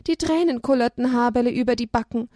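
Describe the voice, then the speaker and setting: A woman reading a children's story aloud in a gentle, expressive way. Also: a little high, fast talker, no room sound, clean studio sound.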